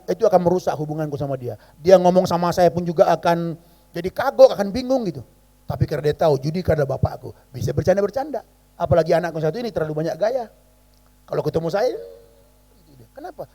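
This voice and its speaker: Gravelly-voiced man preaching a sermon. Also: on the high side, warm tone, in a large hall. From Indonesia. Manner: storytelling, acting out both sides of a dialogue. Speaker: pastor.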